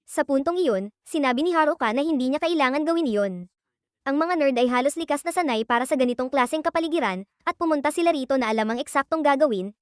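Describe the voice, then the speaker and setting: A woman narrating an anime recap in a steady, scripted storytelling read. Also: high voice, no room sound, studio quality.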